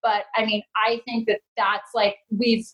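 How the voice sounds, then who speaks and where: A woman in her thirties, a relationship coach talking in a casual interview, animated and acting out quoted lines. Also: on the high side, poor audio. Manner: animated, quick asides, acts out quotes. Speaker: heartbreak coach, guest.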